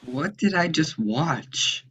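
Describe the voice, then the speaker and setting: A woman's voice: low-pitched, animated, takes it slowly, a bit bright, slightly rough, heavily acted. A woman playing an appalled fellow storyteller in comic stage dialogue. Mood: appalled, resigned. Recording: dull, muffled stage recording.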